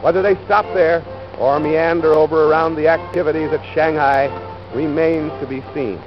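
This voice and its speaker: A man narrating a 1930s newsreel in a brisk, upbeat, folksy announcer manner. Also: a little high, fairly even intonation. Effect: old newsreel soundtrack. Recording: dull lo-fi 1930s film sound with music. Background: music.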